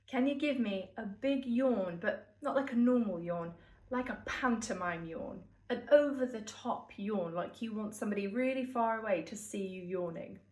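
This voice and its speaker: An English woman with a high voice leads children through a playful vocal warm-up. She gives cheerful, encouraging instructions. She sounds set back from the mic in a room with a strong echo. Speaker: music teacher leading a warm-up. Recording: echoey room, mic at a distance.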